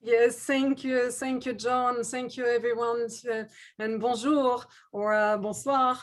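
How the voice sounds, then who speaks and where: A woman's voice: fairly high pitch, little pitch movement, slow pace. A woman with a French accent presenting as a tourism representative in a webinar, speaking hesitantly with many fillers. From France. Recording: video call audio.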